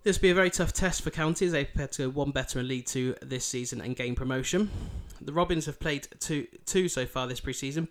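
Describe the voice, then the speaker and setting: A man with a thick Yorkshire accent hosting a football podcast, previewing fixtures in an informal, chatty way. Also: medium pitch. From Bridlington, East Yorkshire, England. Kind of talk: podcast fixture preview, part scripted, part casual chat.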